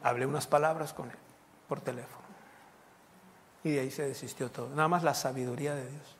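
A man's voice: medium pitch, fairly quick, big-room sound, a little hiss or hum. A man preaching a sermon as pastor, telling stories with laughter and breaking into short prayers and praises. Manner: lively storytelling with laughter and prayer interjections. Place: church sanctuary.

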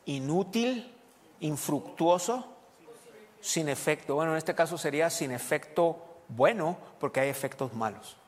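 Preacher in a reverberant hall. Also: male voice, on the high side, lively intonation, unhurried. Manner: questions the congregation and explains scripture. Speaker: pastor. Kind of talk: sermon. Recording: long reverb of a large hall.

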